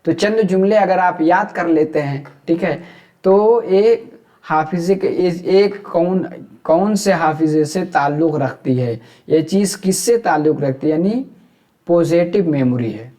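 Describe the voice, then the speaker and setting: A man's voice: a little high, a little slow, dark tone. A man from India with a Hyderabadi Urdu accent, teaching an exam-prep lecture. He asks questions aloud and then answers them himself.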